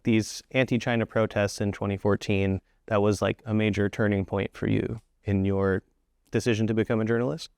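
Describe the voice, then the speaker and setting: A man's voice: fairly low pitch, flat delivery, moderate pace, vocal fry, darkish tone, clear, resonant tone, dry recording, studio quality. A male host delivering a scripted news introduction and then interviewing a guest in a composed presenter manner.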